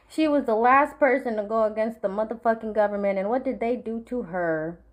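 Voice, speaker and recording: Young Marshallese woman, slightly high voice, profane, threatening vlog rant with quiet menacing dips. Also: normal speed, muffled recording. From Marshall Islands. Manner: drops to a low menacing murmur. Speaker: vlogger. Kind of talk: angry direct-to-camera rant.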